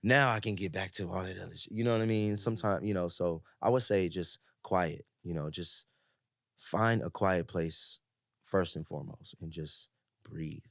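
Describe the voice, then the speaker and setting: A man's voice: deep voice, normal speed, creaky, no echo, clean studio sound. A young man talking as a podcast guest, telling stories in a laid-back way and often adding "you know what I mean". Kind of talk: casual chat.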